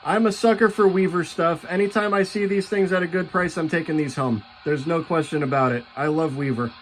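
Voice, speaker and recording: Chatty high-voiced man vlogging. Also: steady tone, a little fast, a little hiss or hum. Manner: chatty, enthusiastic collector talk with fillers. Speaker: model train vlogger. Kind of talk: casual show-and-tell vlog.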